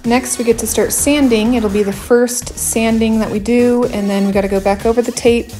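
A woman in her thirties narrating her home renovation vlog casually, chatty and blunt, often pausing with "um". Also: fairly high pitch, fairly even intonation, mellow, soft background music. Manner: chatty, blunt, with frequent "um" fillers.

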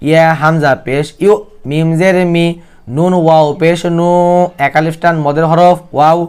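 A Bengali-speaking man teaching Quran reading, spelling each letter and vowel aloud, then chanting the verses slowly for learners to repeat. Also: a little high, flat delivery, clear, resonant tone. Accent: Bangladeshi Bengali. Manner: slow drawn-out chanting of Arabic verses, then brisk spoken explanations.

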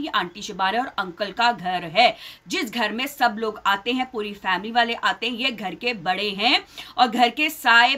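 Speaking straight into her webcam, a middle-aged woman vlogger delivers heated, indignant commentary and scolds her audience. Her high voice is bright and sharp, and she repeats phrases to drive each point home.

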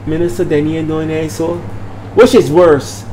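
Speaking at a moderate pace in a fairly high voice, this older man with a Bajan accent hosts his vlog as a minister, casual yet preachy and emphatic. He repeats phrases and keeps checking in with his listeners. The setting is a small indoor room at home, noisy with a constant background hum.

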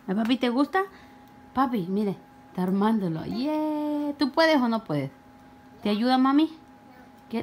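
Hoarse female home vlogger, chatty and affectionate, phone-recorded with background noise. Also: medium pitch, darkish tone. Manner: chatty, affectionate, coaxing with her child. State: slightly hoarse. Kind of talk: casual home vlog.

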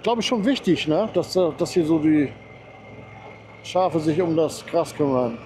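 A man's voice: fairly high pitch, expressive, measured pace, mellow, slight background noise. A man giving a casual, enthusiastic running commentary to viewers while riding a motorcycle on a mountain road, talking through a helmet mic. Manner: chatty, enthusiastic, talks to himself and viewers. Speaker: motorcycle vlogger.

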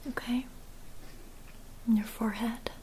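Slow, soft whispered role-play by a young woman. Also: fairly high pitch, level tone, slight background noise. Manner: soft, whispery, gentle and unhurried, attentive. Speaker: ASMR performer playing a spa clinic receptionist and therapist. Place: small dim room at home.

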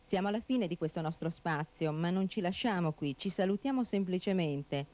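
A woman's voice: on the low side, moderate pace, darkish tone. A woman reading a scripted telesales voice-over, presenting in a persuasive, emphatic way with rhetorical questions. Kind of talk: scripted infomercial voice-over narration.

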